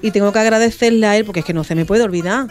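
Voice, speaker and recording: A woman's voice: medium pitch, very fast, soft background music. A woman, a radio guest telling an emotional story and acting out the quoted voices. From Andalusia, Spain. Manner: animated, acts out quoted dialogue.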